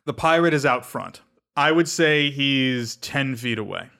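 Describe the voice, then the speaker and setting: A man's voice: mid-range voice, animated, a little slow, vocal fry, pushed and bright. A man narrating a tabletop game as game master in a casual, descriptive storytelling manner. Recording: noisy recording.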